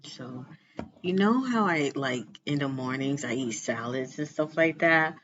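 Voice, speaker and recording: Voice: mid-range voice, animated, a little slow, fairly bright tone. A vlogger chatting casually to the camera in a rambling way, repeating phrases for emphasis. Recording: muffled lo-fi sound with background noise.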